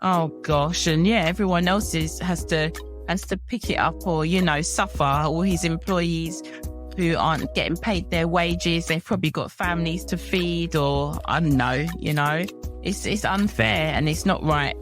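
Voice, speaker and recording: A woman from London chatting on a podcast, agreeing and exclaiming with gentle laughs. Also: sits low, unhurried, over music. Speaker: podcast co-host. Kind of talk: casual chat.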